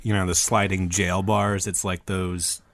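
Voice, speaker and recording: A man's voice: low-pitched, flat delivery, unhurried, gravelly. A man co-hosting a comedy podcast who drops dry one-liner jokes into the conversation. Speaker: podcast co-host. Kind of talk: casual comedic podcast chat.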